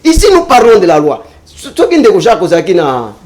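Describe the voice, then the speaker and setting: Man, high voice, emphatic, repeats himself, heated panel debate. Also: huge pitch swings, fairly quick, a little mellow. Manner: emphatic, repetitive, switches between French and Lingala.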